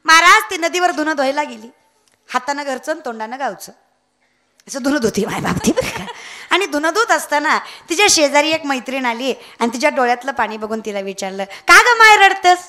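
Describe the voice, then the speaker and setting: A woman's voice: sits high, animated, fairly quick, pushed and bright. A young woman giving a comic devotional kirtan sermon, telling a story, breaking into sung verses and teasing the audience. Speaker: kirtan preacher.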